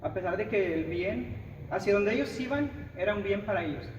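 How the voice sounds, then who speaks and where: A man preaches in a Mexican accent, his fairly high voice emphatic as he talks straight to his listeners. He is picked up from a distance in a reverberant church hall, and the sound is dull, with steady noise underneath. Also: fairly quick. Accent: Mexican Spanish. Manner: emphatic, speaks straight to the listener, acts out others' words. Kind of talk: sermon.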